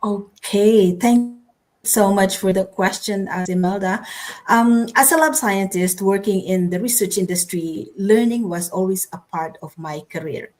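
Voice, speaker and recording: A woman's voice: mid-range voice, a little slow, a little mellow. An older woman from the Philippines, a guest on an online panel, talking about learning after retirement and mixing Tagalog into her English.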